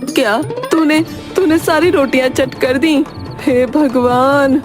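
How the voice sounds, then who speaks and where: A woman voicing a sharp-tongued, mocking middle-aged mother-in-law in a cartoon story, full of taunts. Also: high-pitched, fairly even intonation, takes it slowly. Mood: scolding. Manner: taunting, sarcastic jibes. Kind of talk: cartoon voice acting. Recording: voice over background music.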